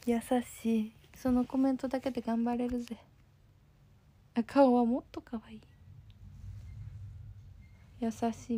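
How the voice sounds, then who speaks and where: A woman's voice: fairly high pitch, vocal fry, dark tone. Bubbly Kansai woman live-streamer. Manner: bubbly, thanks viewers often. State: sleepy. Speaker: livestream host. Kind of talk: casual live-stream chat reading comments.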